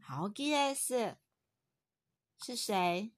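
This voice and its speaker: A woman's voice: a little high, lively intonation, drawn-out words, dry recording, studio quality. A young woman with a Taiwanese Mandarin accent, a mother patiently teaching her toddler French words at home, playful and encouraging. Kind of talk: home-recorded French lesson with a child.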